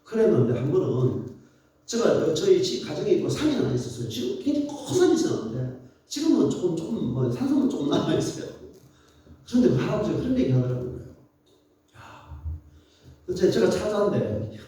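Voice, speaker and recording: A man preaching a sermon as pastor, telling playful stories in an animated way. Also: high-pitched, fairly quick. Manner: animated, playful storytelling with laughs. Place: church. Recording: echoey church hall, mic at a distance.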